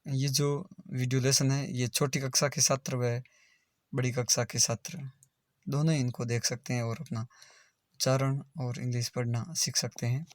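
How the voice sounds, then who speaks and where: A man's voice: mid-range voice, level tone, normal speed, darkish tone, dry recording. A man teaching English pronunciation in a video lesson, spelling words out letter by letter and repeating them.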